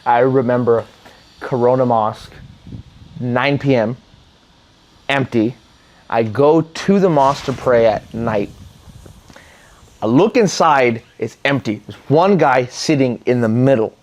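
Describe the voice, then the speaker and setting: A man's voice: medium pitch, a little slow, long pauses. Blunt, profane man telling stories. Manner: blunt, profane, animated storyteller. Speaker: podcast co-host. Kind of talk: casual chat, storytelling.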